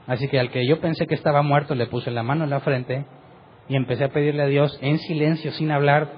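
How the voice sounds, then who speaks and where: A man's voice: on the high side, fairly even intonation, a little fast, muffled recording, slight background noise. A middle-aged man gives a sermon as pastor, telling a personal story vividly and often tagging his sentences with a question. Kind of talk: sermon testimony.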